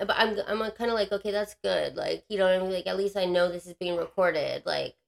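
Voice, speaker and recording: Animated woman with a gravelly edge. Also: fairly low pitch, fairly quick. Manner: animated, swearing, acts out others in her retelling. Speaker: storyteller in casual chat. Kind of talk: casual podcast chat.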